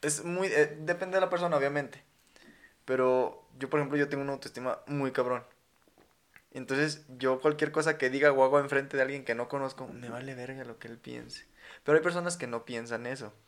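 A young man with a Mexican accent, co-hosting a casual podcast chat, telling stories in an animated, slangy way and laughing easily. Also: mid-range voice, brisk. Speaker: podcast co-host.

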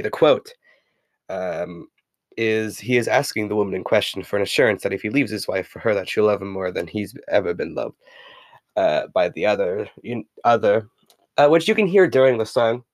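A man's voice: lowish voice, brisk, dry recording. A young man hosting a casual solo podcast, rambling with many fillers and reading passages aloud from a book. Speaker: podcast host.

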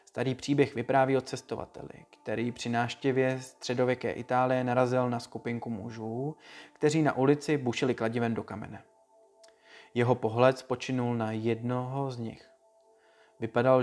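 Man reading a motivational talk, calm and even, faint music behind. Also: mid-range voice. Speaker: speaker giving a motivational talk. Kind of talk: read-aloud motivational talk.

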